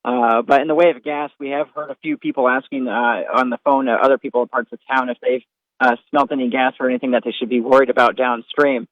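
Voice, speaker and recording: A man's voice: mid-range voice, steady tone, fast talker, no room sound. A man reporting live from the field, unscripted and hesitant, with many fillers, over a dull remote link.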